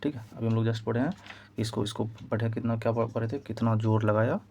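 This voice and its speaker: A man teaches an exam-prep physics lesson, going step by step while writing and repeating the key points. His lowish voice is steady and brisk, with background noise behind it.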